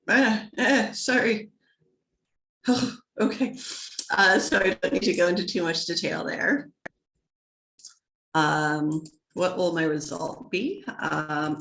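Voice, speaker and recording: A woman's voice: medium pitch, vocal fry, fairly bright tone, echoey room. A woman teaching statistics in a casual recorded lecture, chatty and playful, interrupting herself and adding little sound effects. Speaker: statistics instructor.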